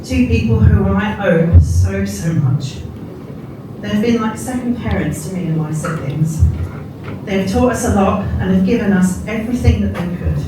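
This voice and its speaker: Recorded from a distance in a noisy, echoing reception room, a high-pitched man in his forties speaks at normal speed. He is the groom, offering a heartfelt, sentimental wedding toast and words of thanks.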